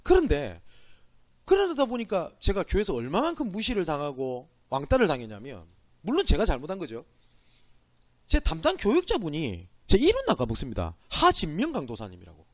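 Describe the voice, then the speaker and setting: A man's voice: on the high side, huge pitch swings, fairly quick, no echo. A man with a Gyeongsang accent, a pastor giving a church training lecture, emphatic and asking and answering his own questions. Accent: Gyeongsang Korean. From Gyeongsang Province, Korea.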